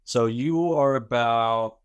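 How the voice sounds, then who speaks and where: A man's voice: medium pitch, slow pace, clean tone, no echo, dull audio. A middle-aged man narrating a tabletop game as game master, describing the action step by step and explaining the rules.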